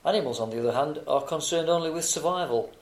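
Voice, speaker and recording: A man's voice: on the high side, fast, lightly acted. A man playing an earnest, formal debater in a scripted, argumentative exam discussion. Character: earnest male debater arguing against animal rights. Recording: roomy, echoing sound.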